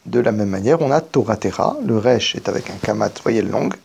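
In this spoken lesson on biblical Hebrew grammar, the male teacher has a fairly low, husky, darkish voice with vocal fry, and his delivery is animated and brisk. He lays out each rule step by step, pausing at times to correct himself.

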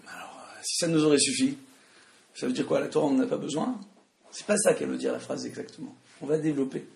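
A man with a Tunisian French accent teaching a religious study class to an audience in a room. He speaks loudly and with emphasis, and often asks his listeners questions. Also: medium pitch, fairly even intonation, quick pace, vocal fry. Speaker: Torah teacher. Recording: echoey room.

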